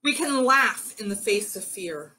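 A woman's voice: medium pitch, expressive, a little slow, bright, forceful tone, rough recording. A woman telling a myth as part of a pagan ritual, earnest and rallying at the close. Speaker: ritual storyteller.

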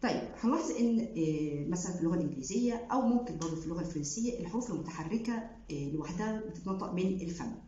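A woman with an Egyptian Arabic accent teaches French pronunciation, explaining each rule step by step and drawing out example words slowly. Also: on the low side, lively intonation, warm tone. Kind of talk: online language lesson. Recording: echoey room, dull lo-fi sound.

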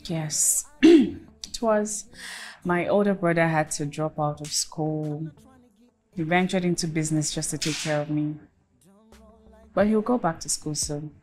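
A woman's voice: low-pitched, unhurried, long pauses, a little mellow, faint music behind. An actress with a Nigerian accent playing a polite, hesitant young woman in her twenties. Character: young female graduate employee, polite and curious. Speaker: young employee.

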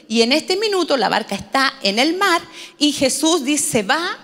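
A woman's voice: sits high, big pitch swings, moderate pace, a bit bright, in a large hall. A woman pastor, preaching a sermon in a conversational storytelling manner with humorous asides.

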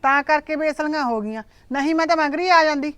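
A woman playing a worried village mother who agrees quickly and answers in short replies. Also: high-pitched, fairly bright tone, no room sound.

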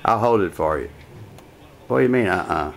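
An older grandfather talking slowly and repetitively to a toddler, coaxing him in a casual home video. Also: sits low, animated. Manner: slow, repetitive coaxing talk to a small child.

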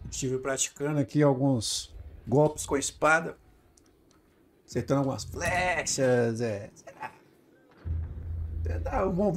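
A young Brazilian man casually commenting on his own gameplay, excitable, swearing and yelling during fights. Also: a little high. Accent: Brazilian Portuguese. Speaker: gaming YouTuber.

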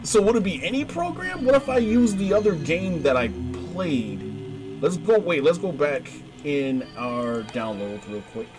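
Over background game music, a man hosting a let's-play video talks in an unhurried, slightly high voice. His commentary is slangy and excitable, peppered with exclamations and stretches of reading the on-screen text aloud.

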